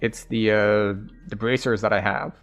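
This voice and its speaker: A man's voice: lowish voice, steady tone, normal speed, a bit bright. A man giving casual live commentary as he streams a video game, talking through his play. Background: faint game music.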